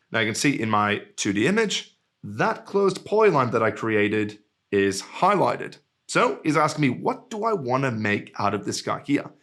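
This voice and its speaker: A man walking through a screen-recorded software tutorial in a relaxed, jokey way. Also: medium pitch. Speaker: software trainer.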